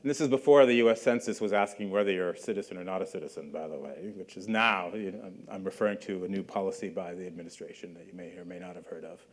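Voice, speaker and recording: A middle-aged Canadian man with a deep voice gives a university lecture as a guest lecturer. His style is conversational, and he frequently checks in with the audience through questions and a quick "right?"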